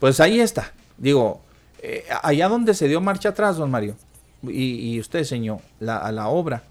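A man with a medium-pitched voice and a northern Mexican border accent hosts a radio call-in. He talks casually and colloquially, explaining as he goes and often tagging on a question to check agreement. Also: lively intonation, moderate pace, darkish tone.

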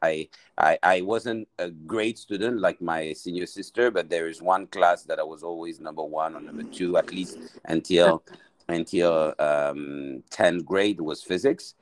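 Very deep-voiced hesitant man. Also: fairly even intonation, unhurried, a little hiss or hum. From Mali. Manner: hesitant, many restarts and fillers. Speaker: guest entrepreneur. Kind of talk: interview answers.

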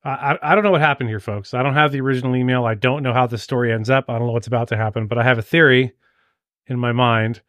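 Fast-talking podcast host, dry mic. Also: male voice, mid-range voice, fairly even intonation, a bit bright, dry recording. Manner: brief affirmations, talks straight to the listeners. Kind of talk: podcast interview.

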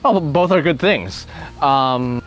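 A young man chatting casually through a game of would-you-rather, his pitch leaping up and down as he jokes. He laughs often and thinks out loud, while faint music plays behind. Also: expressive, takes it slowly.

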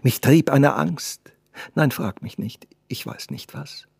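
Man doing bashful young girl in love, hushed and breathy, low and mellow. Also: expressive, takes it slowly, no room sound, clean studio sound, heavily acted. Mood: shy. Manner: soft, hushed, near whispering. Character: shy, tender young woman in love.

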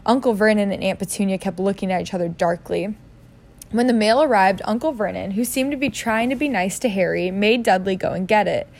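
A woman's voice: medium pitch, a little fast, a little mellow. Casual woman reading a novel aloud. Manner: casual, jokes about her own misreadings. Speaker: reader.

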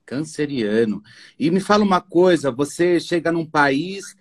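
A man interviewing a guest in a relaxed chat, asking playful, teasing and affectionate questions. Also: a little high, measured pace.

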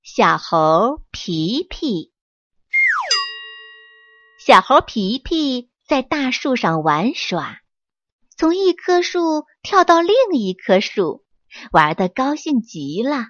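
A woman telling a children's bedtime story in a soft, slow and soothing way. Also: sits high, very animated, muffled recording. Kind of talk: gentle bedtime story narration.

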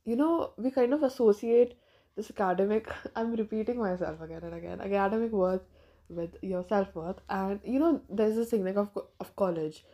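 A nineteen-year-old Indian woman hosts her own podcast, delivering a casual solo monologue where she thinks aloud and rambles, full of fillers and restarts. Her voice is medium-pitched with a dark tone, and she speaks at a normal speed.

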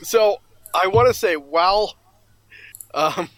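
A man with a higher voice, chatty and quick to jump in during a casual group call. His sound is dry and close. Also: a bit bright, dry recording. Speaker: podcast co-host. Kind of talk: casual chat.

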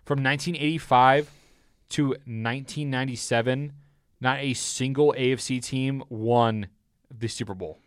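A man's voice: mid-range voice, steady tone, normal speed, smooth, dry recording, studio quality. Easygoing young man talking football. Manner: easygoing, looks things up, fond of trivia. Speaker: podcast co-host. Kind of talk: casual sports chat.

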